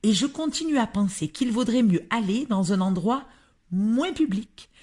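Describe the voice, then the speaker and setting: A woman voicing an old grandmother who speaks patiently and deliberately. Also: fairly high pitch, lively intonation, darkish tone, husky, voice pushed up. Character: old grandmother, calm and firm.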